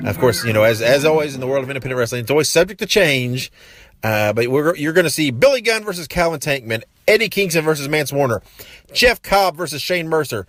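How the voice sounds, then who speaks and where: A man hosts a podcast in a loose, rambling way, restarting his sentences. His voice sits a little high and sounds dry and close. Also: fairly bright tone, dry recording. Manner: rambling with many fillers and restarts. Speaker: podcast host. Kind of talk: casual podcast monologue.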